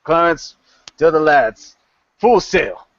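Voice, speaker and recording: A man voicing a male sea captain giving brisk, commanding orders. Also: a little high, lively intonation, fairly bright tone, no room sound, muffled recording, voice pushed up.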